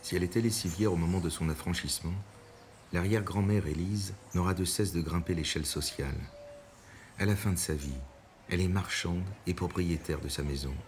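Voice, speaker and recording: A man reading scripted documentary narration in a measured, composed way. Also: low-pitched, darkish tone, a little hiss or hum.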